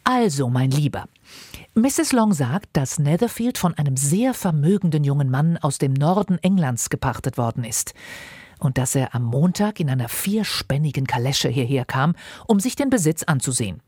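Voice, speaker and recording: A woman reading aloud and voicing a fussy, excitable middle-aged mother who is desperate to marry off her daughters, speaking in a shrill, insistent, gushing way. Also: moderate pace, slightly rough, dry recording, studio quality. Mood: eager, insistent. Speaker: reader. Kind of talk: dramatized audiobook reading.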